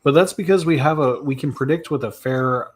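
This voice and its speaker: A man chatting casually on a live stream, answering questions as they come in. He talks in a loose, reflective ramble, circling back on his thoughts and laughing lightly. His voice sits at a typical middle pitch for a man. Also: brisk, slightly rough, soft background music.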